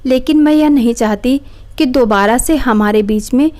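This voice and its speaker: A woman's voice: a little high, moderate pace, a little mellow, natural voice. A woman voicing a proud, angry young wife who talks sharply and defiantly.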